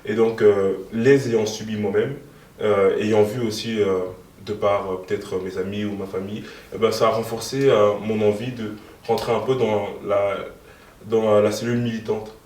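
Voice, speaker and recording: A young man in his twenties gives interview answers in a lowish voice, pausing often and filling gaps with ums. He sounds set back from the mic. The room around him is echoey. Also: little pitch movement, darkish tone, distant mic. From moved to Belgium in 2013. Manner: hesitant, many fillers. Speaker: guest, youth party co-president.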